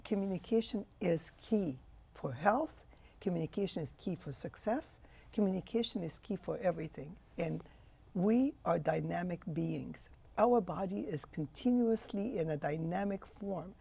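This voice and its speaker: A physician guest from Egypt, a woman in her sixties, responds to interview questions at a normal speed. Her lowish voice is expressive, gravelly and mellow with a breathy edge, and her phrasing is passionate and emphatic.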